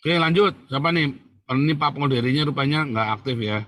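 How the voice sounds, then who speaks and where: A man's voice: medium pitch, brisk, a bit bright. Mocking, defiant male livestream host. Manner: mocking and defiant, laughs at opponents; repeats phrases for emphasis, addresses audience as brothers. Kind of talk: combative religious talk show monologue.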